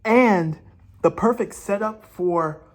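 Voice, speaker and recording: A man's voice: sits high, slow pace. A man hosting a vlog, rambling through speculative wrestling storylines with hesitant restarts. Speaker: host. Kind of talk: wrestling fantasy-booking commentary.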